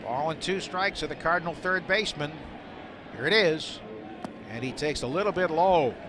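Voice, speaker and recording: A man with a voice on the high side delivers radio play-by-play of a baseball game at a moderate pace, using brief, clipped descriptions. He's in an outdoor ballpark's broadcast booth, and loud crowd noise from the stadium sits behind him.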